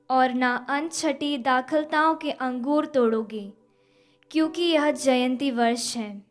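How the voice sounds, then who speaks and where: A young woman in her twenties reading scripture and a psalm at Mass in a measured, deliberate way, into a stand mic at a lectern in an indoor chapel. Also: sits high. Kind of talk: slow, measured liturgical reading.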